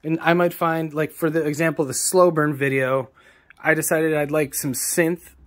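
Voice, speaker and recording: This is a forties-aged songwriter-producer vlogging casually about his process from a small room, filmed on a phone at arm's length. His fairly bright voice sits on the high side, with a level tone and normal speed, and he rambles, self-corrects, and keeps his wording plain.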